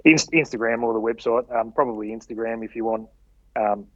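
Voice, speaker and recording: A man's voice: mid-range voice, steady tone, a little fast, fairly bright tone, no echo. A man chatting casually as a podcast guest, laid-back and colloquial with brief answers. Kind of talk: casual interview chat. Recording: slightly dull, dry radio-like audio.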